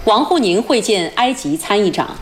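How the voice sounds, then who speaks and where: A female news anchor with a mid-pitched voice and wide intonation reads headlines formally. Her standard Mainland Mandarin is precise, with faint noise behind it. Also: big pitch swings, moderate pace, rough recording. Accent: standard Mainland Chinese Mandarin. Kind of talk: formal scripted news reading.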